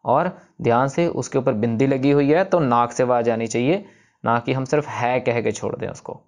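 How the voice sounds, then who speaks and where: Male recitation teacher; patient, methodical, sounds words out slowly; mid-range voice. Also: medium pitch. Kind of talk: explaining pronunciation of scripture.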